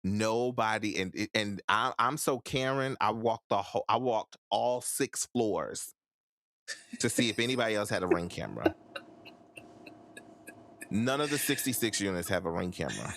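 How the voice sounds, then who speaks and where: A man's voice: fairly low pitch, lively intonation, normal speed, vocal fry, a bit bright. A man hosting a casual podcast chat, ranting emphatically and swearing freely. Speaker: podcast host.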